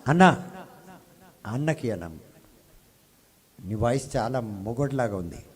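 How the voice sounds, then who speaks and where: At a healing service hall, a man preaches into a handheld microphone, trading call-and-response with his congregation and often rising into stretched, emphatic phrases. His mid-range voice is expressive and a little slow, with a breathy edge.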